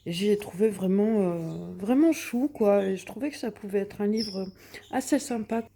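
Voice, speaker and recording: A young woman talks through her coloring projects at home in a relaxed vlog. Her voice is mellow and soft-edged, at an ordinary pitch for a woman. She rambles a little, stopping and restarting with plenty of fillers. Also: moderate pace, gravelly, slight background noise. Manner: chatty, hesitant, many fillers and restarts. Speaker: coloring vlogger. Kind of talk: casual show-and-tell vlog. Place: at home in front of a window.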